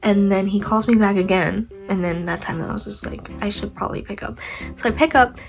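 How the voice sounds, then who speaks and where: A young adult woman vlogger with a stuffy nose speaks fairly quickly in a medium-pitched voice with vocal fry, and the recording is rough. Her casual storytime is chatty and rambling, loaded with "like" and jokes about herself.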